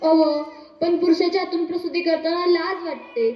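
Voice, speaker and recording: A high voice playing an anxious village mother. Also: fairly even intonation, normal speed. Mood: pleading. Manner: pleading, emotional stage delivery. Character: anxious young village mother, devoted and stubborn. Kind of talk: school stage play. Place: school stage. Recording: echoey hall, dull sound, faint music.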